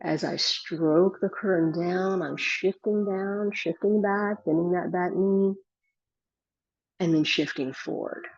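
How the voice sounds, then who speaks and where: A low-pitched woman leads tai chi with serene, unhurried cues for movement and breath. Her voice is husky with a gravelly creak, and she leaves space between short instructions. The recording sounds a bit dull and lo-fi.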